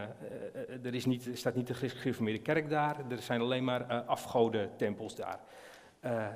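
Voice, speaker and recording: A man's voice: medium pitch, darkish tone. A man with a Dutch accent giving an informal sermon in a church, chatty and hesitant, with many fillers and questions to the congregation. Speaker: preacher. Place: church hall. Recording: long church reverb.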